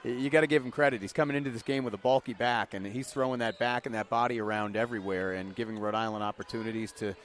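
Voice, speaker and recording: Breaking down plays casually and colloquially, this man works as a color analyst on a live basketball broadcast from an indoor arena. He talks fast at a medium pitch, with fairly even intonation and hardly any pauses. Game noise from the arena runs underneath.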